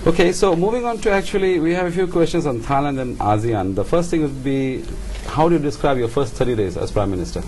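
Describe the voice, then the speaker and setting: A man's voice: mid-range voice, animated, quick pace, hardly any pauses, darkish tone, poor audio. A man conducting a formal but conversational interview, asking wordy questions that ramble a little. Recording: noticeable background noise.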